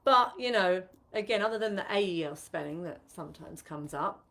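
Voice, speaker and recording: A woman's voice: lowish voice, animated, moderate pace, sharp tone. A woman co-hosting a casual live-stream chat, talking loosely with lots of fillers and restarts. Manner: chatty, many fillers and restarts. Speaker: co-host, retreat facilitator.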